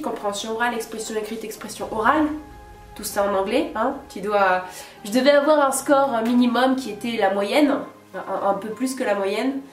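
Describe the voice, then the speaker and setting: A young French woman vlogging in a chatty, playful way, filling her talk with little asides. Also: on the high side. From France. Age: young adult. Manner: chatty, many fillers and "hein", playful asides. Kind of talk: casual chat to camera. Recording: echoey room, mic at a distance, faint music.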